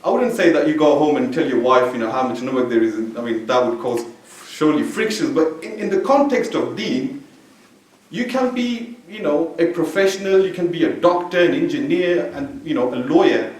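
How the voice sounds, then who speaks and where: A man's voice: a little high, expressive, moderate pace, recorded from a distance. A man in his thirties from Belgium giving an informal sermon at a mosque, talking conversationally with lots of "you know" fillers. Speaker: religious speaker. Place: mosque hall, indoors. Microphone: stand mic at a distance. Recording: very echoey hall, voice from off-mic.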